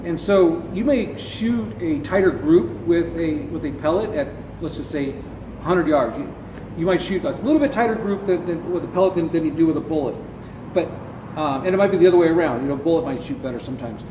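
Being interviewed about his ammunition business, the middle-aged founder speaks fairly quickly in a slightly high voice, giving long answers and gesturing with his hands. The location is a spacious indoor warehouse with shelving. His voice reaches a distant camera, so the recording sounds dull and echoey with clear background noise.

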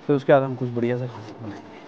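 Excited man vlogging from a tent. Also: mid-range voice, very fast, dull audio, soft background music. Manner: excited, chatty, mixes English words into speech. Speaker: camping vlogger. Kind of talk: casual chat to camera. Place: inside a small tent with a wood stove.

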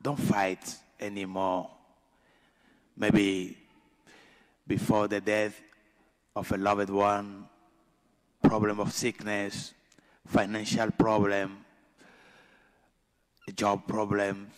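Slow, low-voiced priest in a reverberant church. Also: male voice, monotone. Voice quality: slow, deliberate delivery with pauses. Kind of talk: gospel reading and homily. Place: large church.

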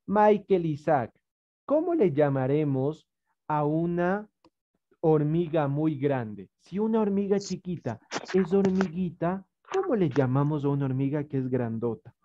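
A woman's voice: low-pitched, lively intonation, a little slow, mellow. A woman with an Ecuadorian Spanish accent, teaching young children in an online class over a video call, patient and coaxing, with many diminutives. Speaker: primary school teacher. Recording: muffled video-call audio.

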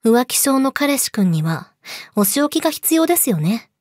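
A young woman playing a yandere girlfriend in a role-play audio drama, politely sweet, possessive and menacing, slipping into breathy whispers, close to the mic. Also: sits high, very animated, moderate pace, a little mellow, no room sound. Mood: scolding, threatening. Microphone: close studio mic, dry.

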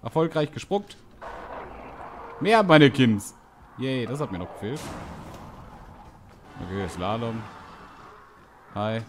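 A man's voice: mid-range voice, expressive, unhurried, pauses often, slight background noise. A man giving casual gameplay commentary, chatty and joking as he reacts aloud. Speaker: let's play streamer.

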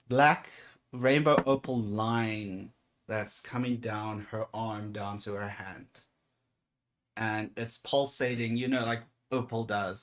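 A man's voice: lowish voice, fairly bright tone. A man narrating as game master of a tabletop game in an easygoing, descriptive way.

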